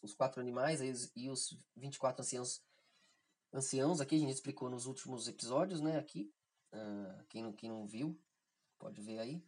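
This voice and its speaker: A woman's voice: deep voice, darkish tone, husky. A woman with a Brazilian accent giving an informal spiritual lesson, rambling and checking in with tag questions. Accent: Brazilian Portuguese. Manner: digressive, constantly adds "né?" tag questions. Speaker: spiritual teacher of an episode series.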